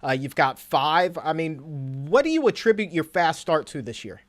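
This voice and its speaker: A man's voice: on the high side, very animated, normal speed. An American man hosting a sports interview, with a polished presenter delivery and playful, mock-formal phrasing. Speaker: sports show host, interviewer.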